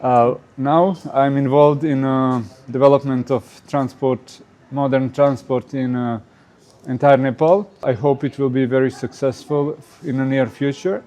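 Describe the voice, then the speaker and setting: A Croatian man speaking English with a Croatian accent answers casual interview questions as a guest, hesitating often with many "uh" fillers and non-native phrasing. His mid-range voice is mellow and steady in tone, unhurried, and the audio sounds dull.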